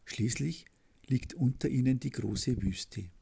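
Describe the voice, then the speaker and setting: A man reading a children's story aloud, with a slow, gentle storybook manner and a husky, gravelly voice. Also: mid-range voice.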